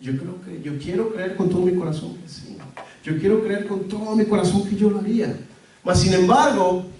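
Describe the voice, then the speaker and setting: A male pastor preaching a sermon in a church, earnest, with soft pauses and sudden emphatic rises. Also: sits high. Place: church sanctuary. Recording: echoey church hall, mic at a distance.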